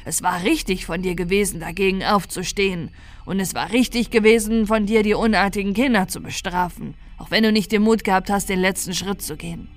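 A woman voicing a corrupted male Santa who speaks slowly, calmly and with contempt. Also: medium pitch, lightly acted. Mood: scornful. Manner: slow, calm and contemptuous. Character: corrupted male Santa, calm, cruel and scornful.

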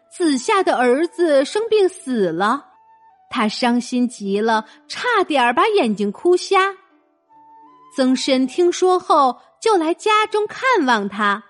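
A woman narrating a children's story, speaking gently and directly to a young listener. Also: high voice.

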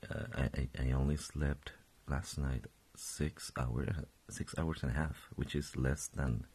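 A young Colombian man in his 20s hosts a casual solo podcast, his deep, gravelly, darkish voice sounding like he just woke up. He rambles, corrects himself and chuckles along the way.

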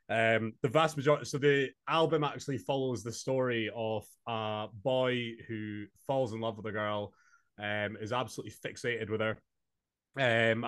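A young adult man from Scotland with a Highland Scottish accent, chatting casually as an interview guest. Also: a bit bright. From Inverness, Scotland. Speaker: podcast guest, singer-songwriter.

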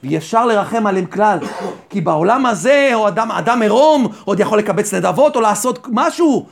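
A man's voice: sits high, expressive, gravelly. A male rabbi giving a Torah sermon, asking rhetorical questions and answering them himself, and repeating key phrases for emphasis.

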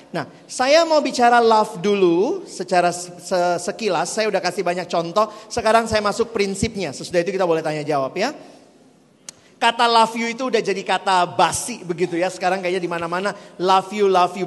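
A man's voice: high-pitched, a bit bright. A man giving a playful talk to teenagers as a youth speaker, joking and putting questions to the audience. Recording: long hall reverb.

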